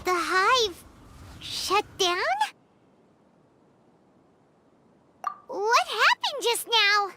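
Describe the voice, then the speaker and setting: An actor voicing a small childlike character in a video game, with a drawn-out, childlike delivery. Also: very high-pitched, very animated, noisy background, full character voice. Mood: bewildered. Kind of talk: English video game voice acting. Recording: loud game music behind the voice.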